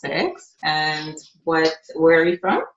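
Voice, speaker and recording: A woman interviewing her young daughter on a video call with quick, playful questions. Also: low-pitched, reverberant, dull audio.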